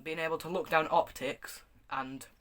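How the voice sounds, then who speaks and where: A man's voice: a little high, steady tone, normal speed, fairly bright tone. A man giving a casual, hands-on product review, speaking in a stop-start, hesitant way with repeated words. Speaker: gas mask reviewer. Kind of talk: casual product review, showing items to camera.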